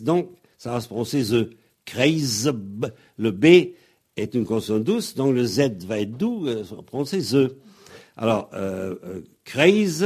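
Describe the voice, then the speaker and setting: A man on the radio patiently explaining pronunciation like a teacher, spelling out letters and pausing on fillers. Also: mid-range voice, a little mellow. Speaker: guest explaining Breton pronunciation.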